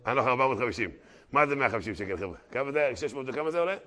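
In a hall full of listeners, a male rabbi with a mid-range voice delivers an animated Torah class, breaking into loud outbursts. He moves on to fundraising in a brisk, auctioneer-style rattle.

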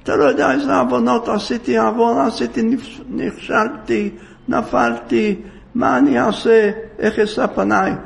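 A tormented young sinner begs for forgiveness in an oral folk tale. His voice sits high and gravelly, with an anguished, pleading tone, as a male storyteller puts him on. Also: steady tone, heavily acted.

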